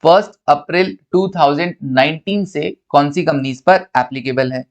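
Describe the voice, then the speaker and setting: A man's voice: on the high side, moderate pace, highs cut off. A man from India giving a recorded accountancy lecture, teasing his students playfully and asking and answering his own questions.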